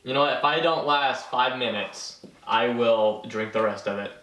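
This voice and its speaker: A man's voice: medium pitch, normal speed, fairly bright tone. A man hosting a challenge video with casual banter, joking and goading his friend along. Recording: echoey room, far from mic, music.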